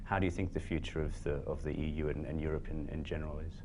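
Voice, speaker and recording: Male radio host, deep-pitched, easygoing interviewer with a light touch. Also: quick pace. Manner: relaxed, friendly, laughs easily. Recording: faint background noise.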